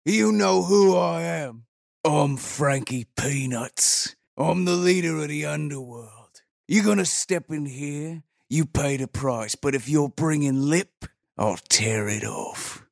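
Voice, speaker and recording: A man voicing a menacing, cocky underworld gang boss with a gravelly voice in an audio role-play. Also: a little high, slow, no echo, studio quality.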